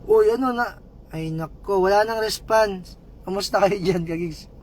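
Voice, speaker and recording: Guy on a livestream, highish voice, joking around, faint traffic behind. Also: moderate pace. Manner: chatty, joking, reads out viewer shoutouts. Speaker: livestream vlogger. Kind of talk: casual livestream storytelling.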